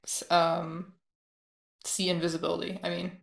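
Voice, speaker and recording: A woman playing a tabletop game, asking halting questions with fillers, in roomy audio. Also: on the low side, monotone, vocal fry. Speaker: player. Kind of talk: tabletop game role-play.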